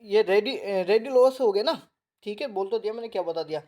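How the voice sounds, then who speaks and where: Mellow-voiced Indian coaching teacher. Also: male voice, sits high, lively intonation. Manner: reads English definitions haltingly, then explains in Hindi; repeats tag questions to the class. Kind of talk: online vocabulary lesson.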